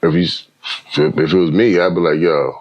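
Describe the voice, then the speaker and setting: Laid-back male podcast host with a deep voice and slangy delivery; slightly muffled recording. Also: steady tone, brisk. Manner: laid-back, slangy, says "bro" and "man" often. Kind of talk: casual reaction chat.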